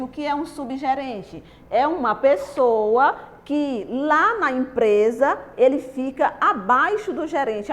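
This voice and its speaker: Slow, patient Brazilian woman teacher. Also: high-pitched. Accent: Brazilian Portuguese. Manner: asks the class questions and answers them herself; slow, patient, stretched-out explaining. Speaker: primary school teacher. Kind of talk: online lesson for young children.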